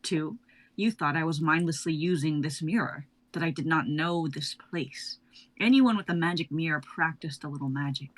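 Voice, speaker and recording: Playing a fearless female sorceress who calls herself a god, a performer in a live drama reading sounds cool, sharp and supremely confident. Her natural, mid-range voice moves at normal speed.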